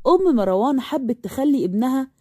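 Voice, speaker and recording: A woman's voice: high voice, brisk, breathy edge, dry recording, studio quality. A woman with an Egyptian accent narrating a romantic story expressively. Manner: expressive narration with acted dialogue.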